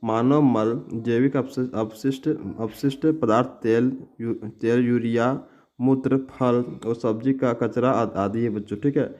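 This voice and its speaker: A man's voice: medium pitch, fairly even intonation, a little mellow, lo-fi sound. A man teaching exam answers, with the habit of saying "okay" after nearly every sentence and restarting words as he reads questions out. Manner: fast, repetitive, calls listeners "friends" and "children"; stumbles and restarts words while reading questions. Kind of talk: exam solution lesson.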